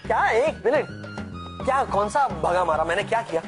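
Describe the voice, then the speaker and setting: A man's voice: sits high, animated, normal speed, over music. An actor playing a young husband who stammers and gets defensive when his family confronts him. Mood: flustered. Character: flustered young husband caught out.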